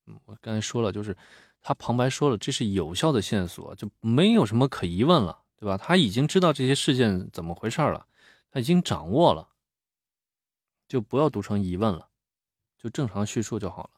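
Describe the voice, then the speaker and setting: Man, reading coach, low voice, dry close sound, plain-spoken, repeats words while thinking. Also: sing-song, a little fast, no echo. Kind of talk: live critique of reading aloud.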